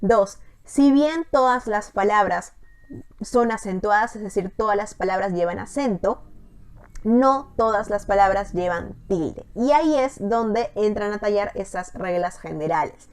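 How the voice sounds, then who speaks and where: A woman teacher explaining spelling rules step by step in an online lesson, often pausing to check with a quick "ok?". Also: mid-range voice, lively intonation, smooth.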